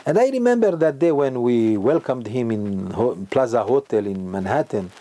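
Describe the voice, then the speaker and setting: An older man, a rabbi preaching a sermon with emphatic rhetorical questions and sudden rises in pitch. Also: lively intonation, normal speed, dark tone, rough recording. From Morocco.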